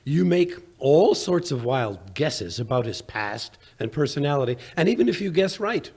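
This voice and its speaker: Husky, blustering Doctor Watson , acted by a man. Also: on the high side, big pitch swings, moderate pace, darkish tone, heavily acted. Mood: grumbling, scoffing. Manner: blustering, hesitant, exasperated. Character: grumbling, good-natured gentleman doctor, the detective's skeptical companion. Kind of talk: recreated 1940s radio drama acting.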